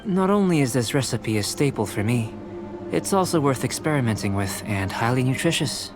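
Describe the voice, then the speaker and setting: A man playing a calm, curious young alchemist scholar in a video game, speaking in a measured, formal, analytical way. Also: mid-range voice, natural voice. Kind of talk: video game character dialogue. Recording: music behind the voice. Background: game music.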